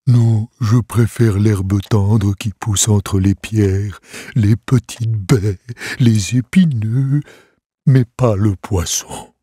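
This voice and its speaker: Brief: man as a slow, mellow, husky donkey, naive and soft-hearted, dry close sound. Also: fairly low pitch, fairly even intonation, no echo, exaggerated voice. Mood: earnest. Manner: slow, soft, earnest, turns frantic. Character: gentle naive male donkey, easily upset. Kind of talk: storybook character voice.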